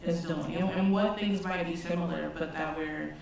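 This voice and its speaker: Moderator, gravelly voice, casual and curious, distant echoey sound. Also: medium pitch, fairly even intonation, normal speed. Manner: casual, inquisitive. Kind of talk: panel moderation. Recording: echoey hall, from far off.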